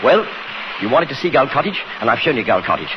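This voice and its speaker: An actor playing a fussy, nervous, exasperated village house agent in a vintage radio drama. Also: male voice, mid-range voice, sing-song, fast, close to an everyday voice. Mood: grudging, uneasy. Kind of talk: 1940s radio acting. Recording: muffled, noisy old radio recording.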